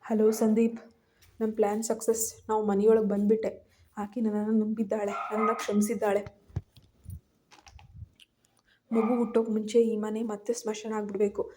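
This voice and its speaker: A woman voicing a scheming young woman who plots revenge, speaking in a hushed, cold way. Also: medium pitch, completely flat delivery, normal speed, long pauses, a little hiss or hum, lightly acted. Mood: conspiratorial. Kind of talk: audio story character voice.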